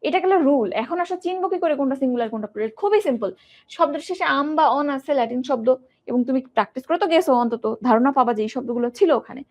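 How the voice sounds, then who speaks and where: A woman's voice: high voice, lively intonation, racing. A young woman teaching an exam-prep grammar lesson, asking the students questions and repeating words in drills.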